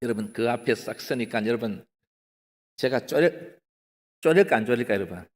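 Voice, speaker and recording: A male pastor with a Gyeongsang Korean accent preaches a testimony sermon in a prayer retreat hall, the recording carrying a long hall reverb. He has a medium-pitched voice at normal speed and is animated, often calling out to the congregation and acting out his own excited pleading.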